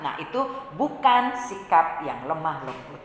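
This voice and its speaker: A woman teaching a children's Bible lesson in a gentle, patient way, often repeating points and checking in with "ya". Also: deep voice, very animated, a little slow, slight background noise. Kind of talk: Sunday-school lesson for children. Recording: echoey room with long reverb.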